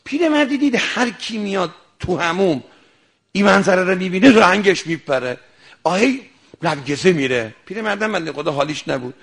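A male preacher with a gravelly, slightly high voice delivers a lively sermon. He tells stories and acts out their dialogue. His voice swells at times into shouts. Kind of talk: sermon with storytelling.

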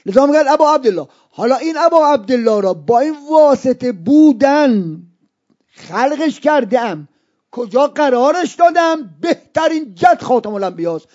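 High-voiced man preaching, repeating key terms. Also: sing-song. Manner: explanatory, repeats key terms, drops to hushed tones. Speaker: religious preacher. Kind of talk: religious lecture to students. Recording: dull lo-fi recording.

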